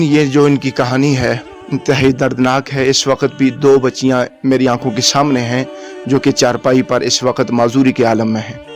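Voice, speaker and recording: A man hosting a field report, narrating solemnly in formal speech and appealing to viewers. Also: mid-range voice. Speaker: reporter host.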